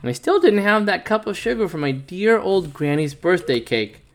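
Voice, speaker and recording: Lively dad reading a storybook aloud. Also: male voice, high voice, normal speed. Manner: playful storyteller voicing the wolf narrator, chatting with his child between pages. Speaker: father reading to his child. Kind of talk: reading a picture book aloud.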